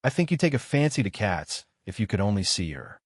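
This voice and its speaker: A man's voice: on the low side, sing-song, brisk, no room sound, studio quality. A man voicing a polite, eager little girl in a storybook, chatty, earnest and apologetic in manner. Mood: soothing.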